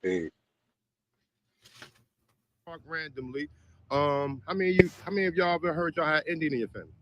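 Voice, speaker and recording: A man addressing a crowd with questions, in a quiet manner. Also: a little high, big pitch swings, fairly quick, background noise. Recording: distant, dull audio with crowd.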